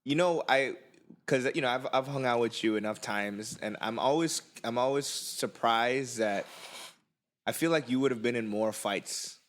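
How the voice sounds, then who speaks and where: A man's voice: mid-range voice, normal speed. Chill podcast co-host guy, mid voice, mostly going yeah yeah. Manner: steady backchannel agreement, then a relaxed aside. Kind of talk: casual chat.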